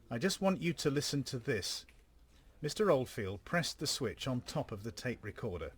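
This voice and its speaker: A man co-hosting a podcast, giving scripted true-crime narration in a measured storytelling delivery. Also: mid-range voice, slightly rough.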